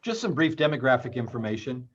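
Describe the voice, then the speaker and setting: A man reads a prepared conference presentation at a steady, measured pace. His voice is mid-pitched. The recording sounds a little dull and muffled. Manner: measured, read-aloud delivery. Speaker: university library dean, presenter.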